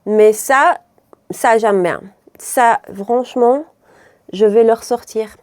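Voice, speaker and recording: Chatty Belgian woman with a mellow voice. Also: a little high, slow pace, no room sound, studio quality. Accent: Belgian French, mild Brussels. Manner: rambling, self-interrupting, laughs often. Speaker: beauty vlogger. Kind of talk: chatty makeup tutorial.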